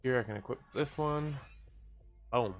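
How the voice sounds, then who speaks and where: A man's voice: medium pitch, a little slow. A man giving casual, offhand let's play commentary in short remarks as he plays. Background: game music.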